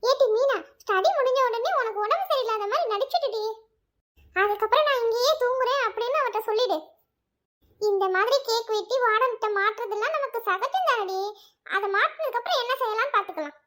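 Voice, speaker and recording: Giggly, bright-voiced woman plotting a prank. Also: extremely high pitch, a little fast. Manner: chatty, plotting, often giggling. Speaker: comedy skit creator. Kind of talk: one-woman comedy skit playing hostel girls.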